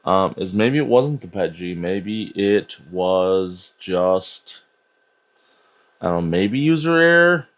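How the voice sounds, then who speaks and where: A young man, hyped on an energy drink, vlogs casually about 3D printing, rambling and hesitant with lots of filler words. His voice sits low and is animated, though he speaks slowly.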